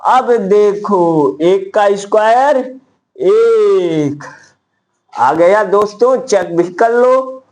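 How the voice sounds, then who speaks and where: A man teaching a maths trick in a casual video lesson, repeating steps slowly and calling his viewers friends. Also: high voice, animated, a little mellow. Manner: slow, repetitive counting, addresses viewers as friends.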